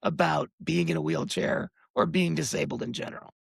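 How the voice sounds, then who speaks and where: Conduttore di podcast, uomo entusiasta, voce roca e molto espressiva, registrazione asciutta. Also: male voice, a little high, a little fast, gravelly, slightly rough, no room sound. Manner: effusive, warmly enthusiastic. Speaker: podcast host. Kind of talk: casual interview.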